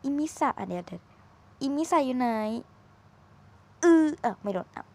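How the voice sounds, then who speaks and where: A woman's voice: high-pitched, animated, measured pace, gravelly, a little mellow. A woman giving casual, chatty commentary while playing a video game, teasing and exclaiming as she goes, recorded at a desk microphone. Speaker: gaming streamer.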